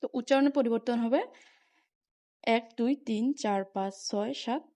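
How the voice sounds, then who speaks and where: A woman with a Bangladeshi accent teaching English pronunciation, patiently spelling out letter sounds one by one in slow, deliberate drills. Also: a little high, mellow.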